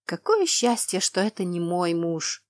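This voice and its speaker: A woman's voice: on the low side, sing-song, a little slow, dry recording, clean studio sound. A woman voicing a cheeky young noblewoman who talks in a sweetly mocking, sighing way. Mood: tired retort.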